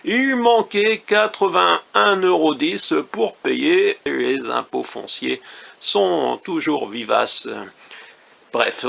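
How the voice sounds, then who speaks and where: Man, 50s, from northern France; gravelly, slightly high voice; hesitant vlog grievance with lots of fillers. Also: bright, forceful tone. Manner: hesitant, halting, many fillers. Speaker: vlogger. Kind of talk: personal complaint monologue.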